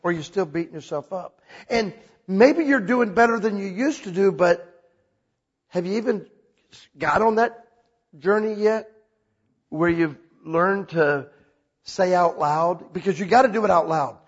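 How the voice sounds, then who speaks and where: A man preaching a sermon in a church hall, animated and casual, mixing jokes into his message. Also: sits high, unhurried, long pauses, breathy edge, muffled recording. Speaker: pastor.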